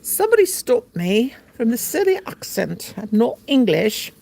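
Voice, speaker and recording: With big pitch swings and a creaky, darkish voice on the slightly high side, this older woman from the United States crochets live for her stream at a moderate pace. She stays silly and playful, chuckling and muttering to herself throughout.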